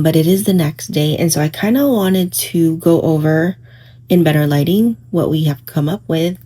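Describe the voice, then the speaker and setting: A woman with a husky, breathy voice that is still hoarse from just waking up. She speaks slowly and casually, wandering through her thoughts with frequent fillers as she vlogs from home. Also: low-pitched. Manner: relaxed, rambling with many fillers. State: morning voice, a bit hoarse. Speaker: planner vlogger. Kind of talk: casual crafting vlog. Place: home, indoors.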